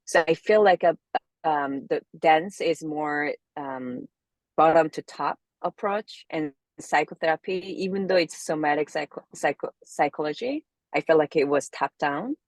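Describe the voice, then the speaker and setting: A woman from South Korea, a somatic movement therapist, speaks reflectively as an interview guest, often searching for words in her Korean accent. Her voice sits low and moves a little slowly, with no room sound.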